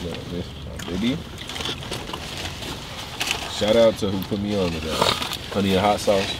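A man's voice: on the low side, unhurried. A young man from Cincinnati chatting casually and joking with friends as a vlogger on a road trip, in a car. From Cincinnati, Ohio. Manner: slangy, joking, laid-back. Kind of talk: casual chat. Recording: distant phone mic in a car, road noise.

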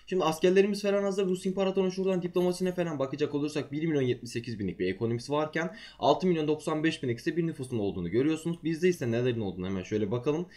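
A man's voice: fairly high pitch, a little mellow. A man who has just woken up, giving casual, chatty game commentary to his viewers in an informal way. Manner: just woke up, slightly groggy-sounding voice. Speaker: gaming YouTuber, host.

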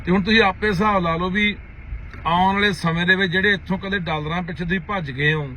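A man's voice: sits high, fairly even intonation, fast talker, bright, forceful tone, low-quality recording. A man with a Punjabi accent hosting a village report, speaking emphatically and repeating his points to viewers. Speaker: host. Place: outdoors in a village. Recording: outdoor recording with faint background noise.

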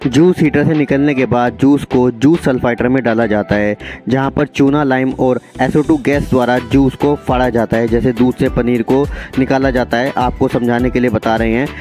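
A man's voice: mid-range voice, steady tone, normal speed, hardly any pauses, darkish tone, faint music behind. Man narrating a factory tour. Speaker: vlogger explaining a factory. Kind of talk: explanatory voice-over narration.

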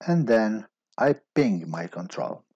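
A man giving a steady step-by-step technical tutorial as a voice-over. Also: fairly low pitch, takes it slowly, husky, dry recording, dull audio. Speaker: instructor.

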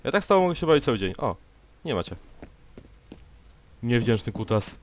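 A man's voice: medium pitch, sing-song, brisk, noisy background. A young man doing let's play commentary, sarcastically talking back to the enemies on screen. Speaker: gameplay commentator.

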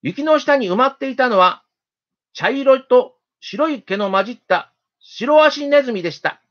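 Gentle storyteller reading a children's tale. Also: sits high, normal speed. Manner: gentle, steady, expressive reading. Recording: dull lo-fi recording.

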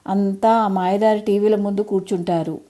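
A woman's voice: mid-range voice, fairly even intonation, normal speed, warm tone, close to an everyday voice. A woman reading an audio story, voicing a frail, proud elderly mother who chides and teases in homely, old-fashioned speech. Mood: wry chiding.

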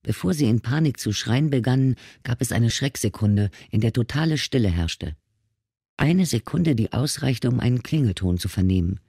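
A man reading a novel aloud with steady, measured narration. His voice is mellow and warm, recorded dry and close with no room sound. Pitch sits in an ordinary middle range. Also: slightly rough, no echo. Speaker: audiobook narrator. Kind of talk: scripted narration.

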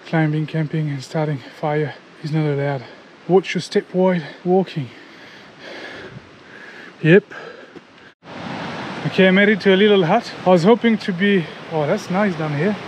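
A French man in his thirties, sweaty and a little winded from climbing, vlogs casually on a jungle trail with an action camera held at arm's length. His voice is on the high side at normal speed with long pauses and slight background noise; he's excitable and chatty, swears, and calls viewers "guys."

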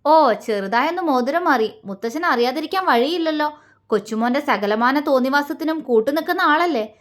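A woman's voice: sits high, expressive, normal speed. A woman voicing a cheeky, sarcastic young man in a storybook reading. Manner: wry, sarcastic.

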